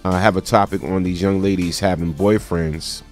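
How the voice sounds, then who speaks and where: A man works as a morning radio DJ on a call-in show, with music playing faintly underneath. His talk is loose and informal, with repeated phrases and friendly shout-out patter, at an ordinary male pitch on the low side. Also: fairly even intonation, moderate pace. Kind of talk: morning radio DJ chat, casual call-in hosting.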